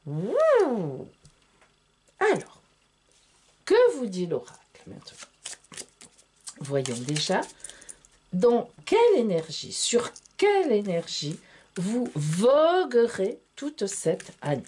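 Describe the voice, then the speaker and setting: A woman's voice: mid-range voice, huge pitch swings, slow, mellow, a little hiss or hum. A woman giving a tarot reading to camera, theatrical and exclamatory, speaking to her viewers as friends. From France. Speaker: tarot reader.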